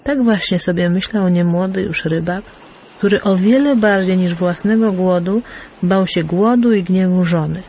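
A woman narrating a fairy tale in an expressive, lilting storyteller manner. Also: on the low side, normal speed, a little hiss or hum. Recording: faint background music.

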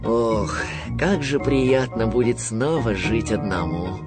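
A man voicing a gloomy, sluggish male bear cub who speaks slowly with sighs. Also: mid-range voice, over loud music, natural voice. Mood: thoughtful. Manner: slow, sighing, glum.

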